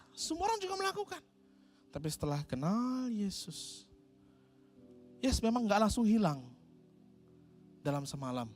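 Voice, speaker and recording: A man preaching with a conversational warmth toward his congregation, calling out to listeners and voicing people's inner thoughts in brief asides. His pitch swings widely from phrase to phrase. Soft music sits faintly behind him. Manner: lively conversational preaching, often addressing listeners as "saudara"; acts out inner voices of a struggling believer. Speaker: pastor. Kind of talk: sermon.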